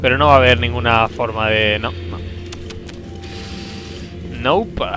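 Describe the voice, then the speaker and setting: A man from commentating a video game he is playing, talking to himself, with a sore throat, excitable and prone to loud outbursts. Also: medium pitch, measured pace, over music, rough recording. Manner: excitable, talks to himself, bursts into loud exclamations. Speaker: gameplay commentator. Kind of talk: let's play commentary.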